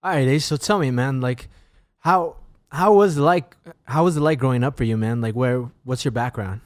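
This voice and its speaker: A man's voice: mid-range voice, moderate pace, no room sound, studio quality. A man hosting a podcast, asking questions in a friendly, easygoing way. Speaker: podcast host. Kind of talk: casual interview chat. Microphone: dynamic studio mic.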